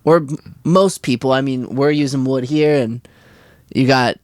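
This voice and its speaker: A man's voice: mid-range voice, dry recording. A man co-hosting a casual podcast chat from a parking lot, rambling and restarting his sentences often. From Washington state. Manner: rambling, halting with many restarts. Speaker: podcast co-host. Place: parking lot near a van.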